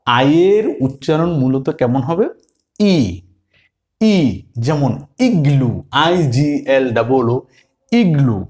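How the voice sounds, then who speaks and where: A man with a Bengali accent teaching English letter sounds slowly, repeating each one and putting questions to his learners. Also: fairly high pitch, expressive, a little mellow. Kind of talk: phonics lesson.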